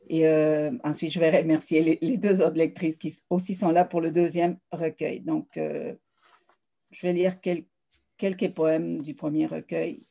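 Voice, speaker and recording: Woman, poet reading her own work, even and level delivery, warm dark tone. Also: deep voice, creaky. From South America. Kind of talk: poetry reading.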